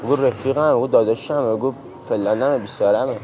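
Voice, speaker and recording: A young man pulling a hidden-camera prank, pestering and pleading theatrically in street chat. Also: mid-range voice. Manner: pushy, teasing, theatrical pleading. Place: outdoors in a busy city park. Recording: crowd noise outdoors.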